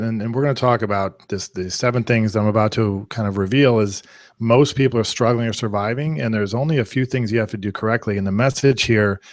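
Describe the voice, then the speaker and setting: A man presenting a live online marketing class, talking in an energetic, conversational way with analogies. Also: lowish voice, no room sound, clean studio sound. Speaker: webinar presenter.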